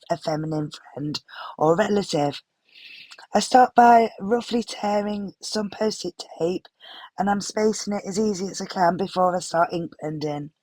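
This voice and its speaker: A woman with a hoarse, unwell voice, gently narrating a craft tutorial voiceover with some apologetic pauses. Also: mid-range voice, dry recording. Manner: gentle, apologetic, stops for fillers. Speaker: card-making tutorial host.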